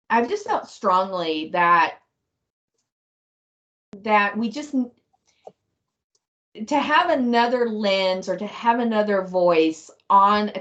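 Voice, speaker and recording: A woman's voice: mid-range voice, a bit bright. Reflective woman author on a call. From Texas. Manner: reflective, thinking aloud with many restarts. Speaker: guest author. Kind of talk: casual discussion on a video call. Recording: muffled lo-fi call audio.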